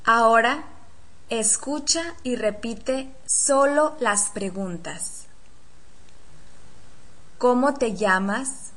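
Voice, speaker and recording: Slow, bright-voiced woman teacher. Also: a little high. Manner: careful, deliberate, model-sentence delivery. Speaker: language teacher. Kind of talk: slow, clearly articulated pronunciation drill.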